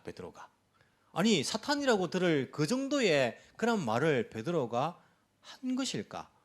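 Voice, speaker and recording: A man preaching a sermon as pastor at a church service, asking his congregation rhetorical questions and acting out the voices of imagined church members. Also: a little high.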